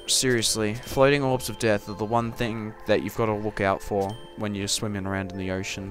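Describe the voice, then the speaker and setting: A man giving goofy, casual gameplay commentary, talking to the game and breaking into sudden loud yelps. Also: on the low side. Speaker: gaming commentator. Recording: game music behind the voice.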